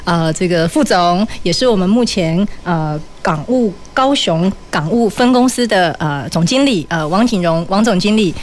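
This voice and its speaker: A woman with a Taiwanese Mandarin accent speaks as a public radio host, politely explaining and interviewing in a conversational way with soft sentence particles. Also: fairly low pitch, animated, normal speed, few pauses, a little hiss or hum.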